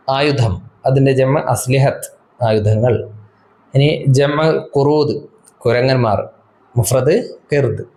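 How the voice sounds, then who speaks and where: Man, Arabic class teacher, slow phrase-by-phrase reading, explains each line, mid-pitched voice. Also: a little mellow, rough recording. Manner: asks rhetorical questions of students. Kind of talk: textbook lesson explaining Arabic in Malayalam.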